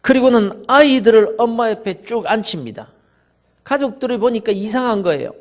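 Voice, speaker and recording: A male pastor, telling stories in a sermon and swinging from loud to soft. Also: sits high, expressive, moderate pace. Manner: storytelling, dramatic shifts between loud and soft.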